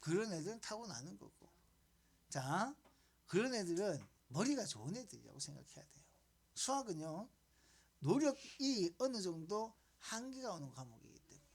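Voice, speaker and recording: A woman's voice: lowish voice, sing-song, moderate pace, a little mellow, husky. A woman math teacher giving a lesson, coaxing students along with repeated prompts and questions.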